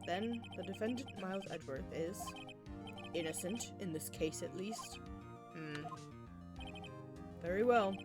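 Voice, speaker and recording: A woman voicing an elderly male judge in a courtroom game, with a formal, measured, ponderous way of talking. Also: lowish voice, over loud music, close to an everyday voice. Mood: solemn.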